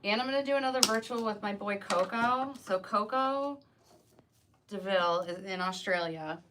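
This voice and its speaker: A woman's voice: fairly low pitch, a bit bright, rough recording. A woman chatting casually during a live stream as she designs a wreath, rambling with lots of fillers and talking to herself as she works. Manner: talks to herself while working. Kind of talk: casual live-stream chat while crafting.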